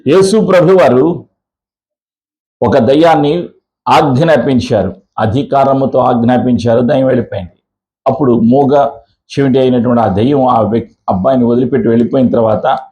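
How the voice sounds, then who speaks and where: A man's voice: mid-range voice, mellow, poor audio. Emphatic male pastor preaching a sermon. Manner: emphatic preaching with rhetorical questions and repetition; drawn-out slow phrases in series. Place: church.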